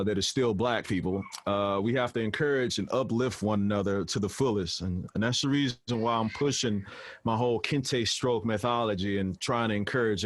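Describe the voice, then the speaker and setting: Loud man, dry sound. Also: fairly low pitch, no echo. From Memphis, Tennessee. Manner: loud, stretched-out on-air delivery. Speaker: interview guest, recording artist. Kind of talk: radio interview.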